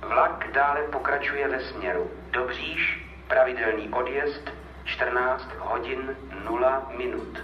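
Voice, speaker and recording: Male station announcer, formal and impersonal, measured phrasing, heard over distant, heavily reverberant platform loudspeakers. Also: mid-range voice, lo-fi sound. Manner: measured, segmented, impersonal public-address delivery. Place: railway station, over public-address speakers. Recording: echoey station loudspeakers from far off, noisy.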